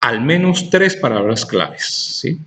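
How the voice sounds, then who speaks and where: A man with a Honduran Spanish accent teaches a philosophy class, dictating at an unhurried pace. His pitch rises and falls a great deal. He spells out words letter by letter as he goes. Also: very animated, fairly bright tone. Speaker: philosophy lecturer.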